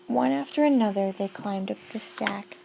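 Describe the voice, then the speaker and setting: A woman's voice: medium pitch, normal speed, gravelly, noisy background. Woman reading a rhyming storybook aloud. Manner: rhythmic, sing-song rhyming narration. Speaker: audiobook reader.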